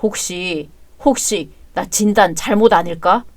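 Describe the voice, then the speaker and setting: A woman's voice: on the low side, measured pace, a little mellow, no room sound, close to an everyday voice. Brief: a woman playing a crude drunken husband, drawled taunts, dramatized story. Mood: drunk taunting. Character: crude drunken boastful husband, adult man.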